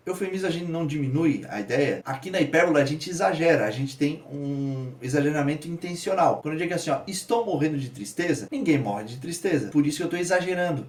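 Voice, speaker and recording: Brazilian guy teaching grammar, talks fast, echoey room, a bit far from the mic. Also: fairly high pitch, a little mellow. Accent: Brazilian Portuguese. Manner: explanatory, asks rhetorical questions. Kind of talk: lecturing a grammar lesson.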